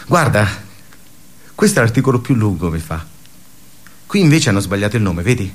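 In this radio theatre monologue, a male actor with a lowish voice portrays a brooding office worker given to dark irony, and he sounds very animated. His delivery is halting and conversational with sudden emphatic bursts, colored by wistful recollection.

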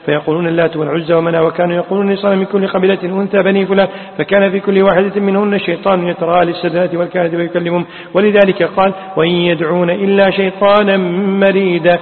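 A man's voice: high-pitched, little pitch movement, rapid-fire. A man teaching, reading classical Quran commentary aloud and chanting the quoted verses melodically. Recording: tinny, echoey hall sound.

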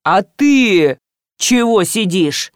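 A woman's voice: medium pitch, animated, extremely slow, dry recording, studio quality. A woman voicing a furious, bossy wealthy father who barks orders at his household, in an audiobook. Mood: raging, commanding. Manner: shouting, barking orders. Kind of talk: audiobook character voice.

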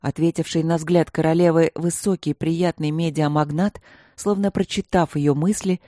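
An audiobook narrator reading a novel in even, steady storytelling. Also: medium pitch, normal speed, no echo, studio quality. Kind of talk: scripted narration.

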